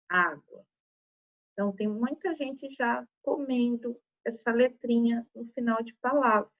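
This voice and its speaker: A woman's voice: a little high, muffled recording. A woman teacher with a Brazilian Portuguese accent giving a recorded spelling lesson to children, patiently stretching out example words syllable by syllable.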